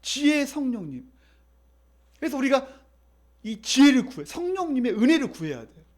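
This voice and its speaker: High-voiced, lively Korean pastor preaching. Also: male voice, moderate pace. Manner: animated preaching, leads congregation in reading and repeating. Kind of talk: sermon.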